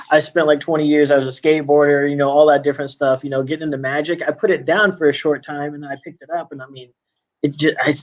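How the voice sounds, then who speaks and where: Excited guy hosting a chat, kinda high voice, slightly muffled call audio. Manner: enthusiastic, laughs easily. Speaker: magic shop interview host. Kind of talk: casual interview chat.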